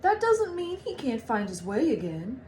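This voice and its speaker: A woman voicing a kindly, reassuring Santa in a storybook, explaining things gently and softly. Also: sits high, wildly swooping pitch, normal speed, a little hiss or hum.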